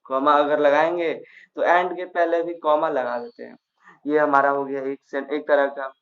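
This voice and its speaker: A man teaching a grammar class, walking through each point step by step, often pausing on fillers and starting over. His voice sits a little high. The recording sounds dull and lo-fi. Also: fairly even intonation, fairly bright tone. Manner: explains step by step with frequent fillers and restarts.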